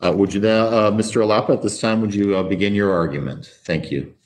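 Male presiding judge, fairly low voice, formal procedural delivery. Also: fast talker, a little hiss or hum. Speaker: presiding chief justice. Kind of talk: formal courtroom procedural remarks.

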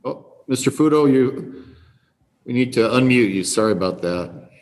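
A man's voice: mid-range voice, animated, moderate pace. A man presiding as a judge, giving polite, plain-spoken procedural instructions. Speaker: chief justice presiding.

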